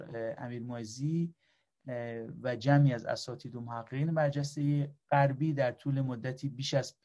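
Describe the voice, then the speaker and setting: A man's voice: on the high side, darkish tone. A man moderating a lecture, giving a polite, formal introduction of the speaker with frequent hesitations.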